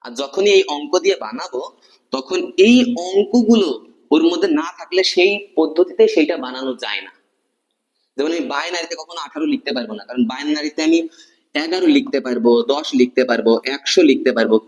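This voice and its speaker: A man with a fairly high voice gives a classroom lecture. He explains step by step and keeps checking with his students through questions. When he lists letters or digits he slows down and sinks lower. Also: animated. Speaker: teacher.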